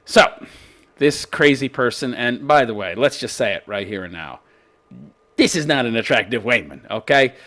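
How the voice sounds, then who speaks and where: A man's voice: medium pitch, expressive, normal speed, a bit bright. A man hosting an opinion commentary show, reading out news and mocking it in a brash, coarse-mouthed, exaggerated way. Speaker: host of a commentary channel.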